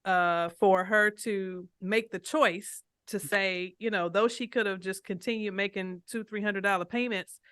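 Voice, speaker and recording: A woman hosting a casual interview podcast, talking in an animated, playful way and addressing listeners directly. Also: mid-range voice, unhurried, few pauses, clean tone, no room sound, clean studio sound. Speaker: podcast host and financial coach.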